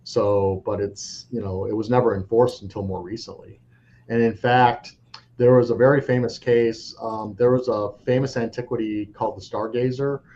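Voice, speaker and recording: A coin dealer guest talks at normal speed in a steady, a little mellow voice on the low side during a casual interview. Frank and rambling, he often begins sentences again; the recording is dull lo-fi audio with faint noise.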